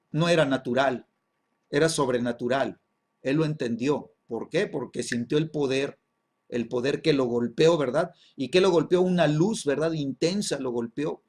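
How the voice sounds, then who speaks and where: A man's voice: fairly high pitch, a little mellow. A man teaching a Bible lesson in an emphatic way, often checking in with his listeners through short tag questions.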